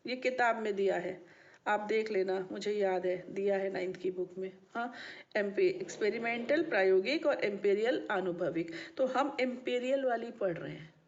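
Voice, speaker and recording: A woman's voice: medium pitch, normal speed, slight background noise. Coaxing woman teacher, lo-fi lecture. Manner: coaxing, checks understanding often. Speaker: maths teacher. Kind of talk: classroom lecture. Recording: dull lo-fi recording.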